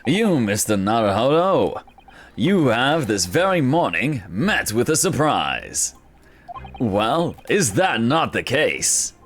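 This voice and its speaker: A man voicing a grandiose, self-satisfied detective from a video game in a florid, deliberate manner. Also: mid-range voice, very animated, a little hiss or hum. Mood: grandly self-assured. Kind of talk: playful voice acting of game dialogue.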